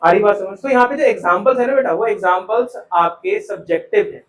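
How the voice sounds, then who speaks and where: A male teacher lectures a live commerce class in a high, bright-pitched voice, peppering students with questions and calling them "beta". He is caught from a distance by the camera, so his voice rings with the echo of the classroom. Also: fast talker. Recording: echoey classroom from far off.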